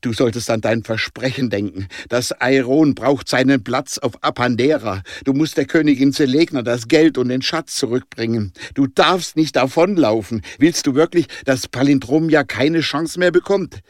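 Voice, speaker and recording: A man's voice: mid-range voice, moderate pace, hardly any pauses, no echo, studio quality, pitched above the performer's own voice, close to an everyday voice. A man voicing a desperate young woman in an audiobook, urgent and agitated. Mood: fierce, pleading.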